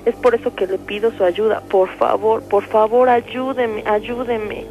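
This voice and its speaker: A frightened young woman with a Mexican accent pleads down the phone to a radio host. Her voice sits a little high and comes through a muffled line. Eerie music plays clearly behind her. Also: flat delivery, measured pace. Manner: pleading, frightened, breaking into cries. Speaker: radio caller. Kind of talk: frightened call to a radio show.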